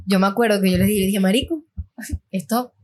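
Fast, animated Venezuelan woman. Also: mid-range voice. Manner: animated storyteller, slangy and profane. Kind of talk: casual chat.

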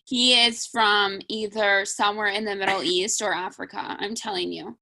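A woman's voice: medium pitch, steady tone, moderate pace, vocal fry, bright, forceful tone, rough recording. A young woman co-hosting a podcast, reacting bluntly and with disbelief in casual chat. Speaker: podcast co-host.

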